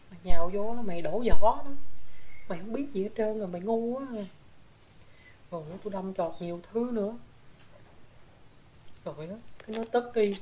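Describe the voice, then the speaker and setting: A woman's voice: mid-range voice, warm tone, slight background noise, close to an everyday voice. Woman as a regretful young female ghost, southern Vietnamese accent, rambling, faint crickets behind. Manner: rambling storytelling with filler particles. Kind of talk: spirit possession drama.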